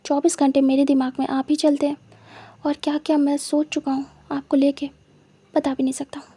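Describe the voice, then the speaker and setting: A woman's voice: high voice, mellow, no room sound. A woman voicing a brazen young mafia boss. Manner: teasing, insistent, menacing when crossed.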